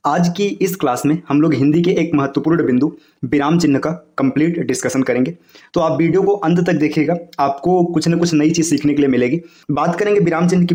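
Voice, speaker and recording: Fast-talking male Hindi grammar teacher. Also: a little high, darkish tone, roomy sound. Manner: fast explanatory, repeats "है ना" and "देखिए". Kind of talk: exam coaching lesson.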